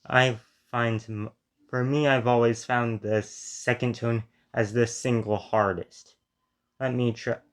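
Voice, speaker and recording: A man hosting a reaction video, analyzing and testing sounds on himself in a deliberate way. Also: medium pitch, level tone. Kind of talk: commentary on a played video.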